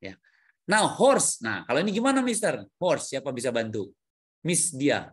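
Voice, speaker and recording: A man's voice: mid-range voice, wildly swooping pitch, normal speed, breathy edge. A man teaching an English grammar lesson to adult learners over a video call, coaxing answers, repeating them back and mixing English words into his explanations. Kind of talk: online class teaching.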